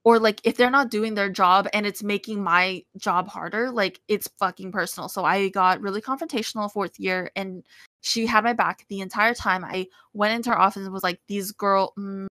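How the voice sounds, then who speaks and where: A woman in casual chat, candidly telling animated stories and acting out what others said. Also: mid-range voice, a little fast, no room sound. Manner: candid, animated storytelling, acts out quotes.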